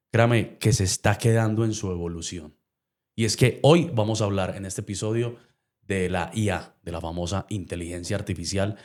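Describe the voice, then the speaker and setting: A man with a Medellín Colombian accent, hosting a podcast and asking his guest questions in a friendly, enthusiastic way. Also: medium pitch. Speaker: podcast host. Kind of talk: casual interview chat.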